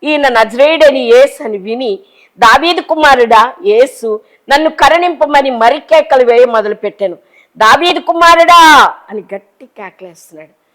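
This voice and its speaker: A middle-aged woman preaching an impassioned sermon, swinging between loud cries and soft, low asides. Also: expressive, normal speed, low-quality recording.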